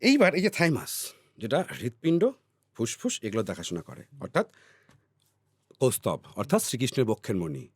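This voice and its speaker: A man's voice: mid-range voice, wildly swooping pitch, fairly quick, breathy edge. Guy explaining stuff on a podcast, keeps going "all right?", dry close sound, no echo. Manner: teacherly, checks in with "all right?" often; repeats words, trails off softly. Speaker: podcast guest.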